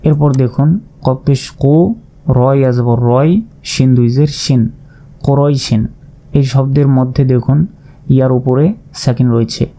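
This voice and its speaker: A man's voice: mid-range voice, warm tone. A man teaching Quran reading, spelling out letters and vowel marks one by one, then drawing out the sounds. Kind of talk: slow step-by-step recitation lesson. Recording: slightly dull lo-fi sound.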